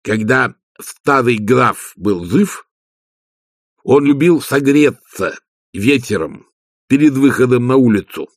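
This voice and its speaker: Male reader as a gloomy, deliberate male servant, husky, slightly raised voice, dry booth sound. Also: medium pitch, lively intonation, no echo, voice pushed up. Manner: slow, deliberate delivery. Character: hunched servant Igor, slow, gloomy, matter-of-fact. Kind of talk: audiobook character voice.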